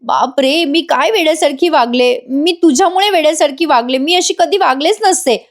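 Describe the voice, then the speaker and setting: An upset young wife argues with her husband, pleading and exasperated, as a woman reads her part. The voice is high and pushes higher still. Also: normal speed, natural voice.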